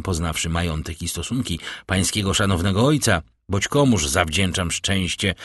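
A man reading an audiobook, voicing a calm, worldly count who speaks with measured irony. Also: deep voice, dry recording, clean studio sound. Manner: cool, measured, ironic. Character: calm, ironic, worldly older nobleman count.

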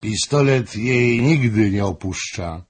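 A man's voice: on the low side, animated, takes it slowly, slightly rough, exaggerated voice. A man doing a jovial, mocking old king. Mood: amused. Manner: mocking, chatty. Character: amused, jovial king, middle-aged man.

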